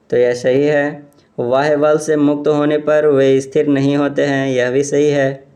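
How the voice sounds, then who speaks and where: A man reading exam questions aloud and explaining each answer in a steady, repetitive way. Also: medium pitch. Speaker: exam quiz presenter.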